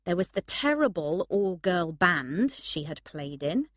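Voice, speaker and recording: Slow, low-voiced woman narrator. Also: very animated, fairly bright tone, dry recording, clean studio sound. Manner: slow, measured, clear reading. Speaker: audiobook narrator. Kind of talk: scripted narration for English learners.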